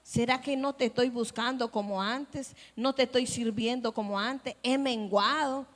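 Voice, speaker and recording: A woman's voice: fairly high pitch, steady tone, unhurried. A woman from the congregation, speaking reflectively into a passed microphone during a church Bible study. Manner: reflective, earnest, some restarts. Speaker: congregation member. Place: church hall. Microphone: handheld microphone passed to her. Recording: echoey church hall with faint background noise.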